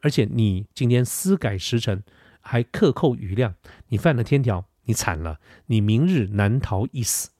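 A man voicing a calm old male fortune-teller who delivers a cold, measured warning, spoken close to a studio microphone. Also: medium pitch, no room sound, close to an everyday voice. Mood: coldly warning.

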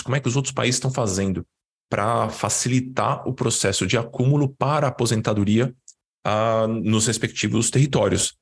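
Low-pitched with vocal fry and a slight roughness, the man speaks with a Brazilian accent while leading an online finance class. His live lesson is informal and instructive, with words repeated for conversational emphasis.

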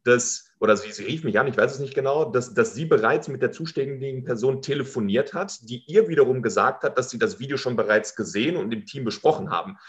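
A man's voice: medium pitch, fast, few pauses. A man telling an anecdote as a podcast guest, rambling with many restarts and stammers.

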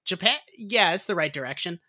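A woman's voice: on the low side, animated, a little fast, sharp tone. A woman co-hosting a casual comedy podcast, rambling with lots of "like" and frequent laughter. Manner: rambling, filler-heavy, laughs often. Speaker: podcast co-host.

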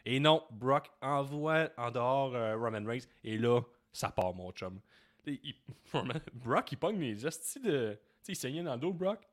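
A man's voice: medium pitch, unhurried. A young man with a Quebec French accent co-hosting a casual wrestling podcast, retelling matches animatedly. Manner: animated storyteller, acts out wrestlers' lines. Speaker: podcast co-host. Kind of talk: casual chat.

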